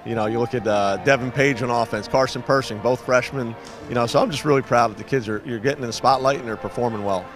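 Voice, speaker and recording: Fast-talking middle-aged football coach. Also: male voice, medium pitch, music in the background. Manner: fast, filler-heavy, modest answers. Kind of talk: postgame interview. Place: outdoors on a football field at night. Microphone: reporter's handheld mic.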